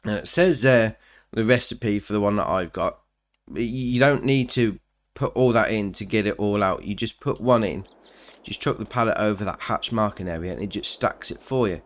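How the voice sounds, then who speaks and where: A gaming channel host with a fairly low voice talks at a moderate pace, casually reviewing a game mod. He stays chatty and upbeat, often saying "very nice" and "right, next up."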